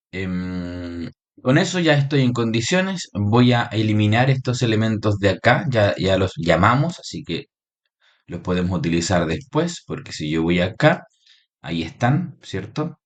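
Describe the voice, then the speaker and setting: Low-voiced man explaining a software tutorial. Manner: explains step by step, checks in with frequent "¿sí?" and "¿bien?". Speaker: electronics teacher. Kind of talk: screen-recorded software tutorial.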